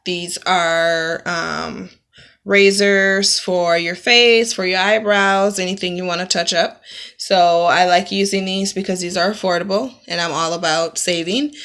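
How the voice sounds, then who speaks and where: A bright-voiced woman chatting through makeup tips. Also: on the low side. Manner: chatty, explains step by step with frequent ums. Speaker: beauty vlogger. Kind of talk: casual makeup tutorial. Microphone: camera mic, close-ups to the lens.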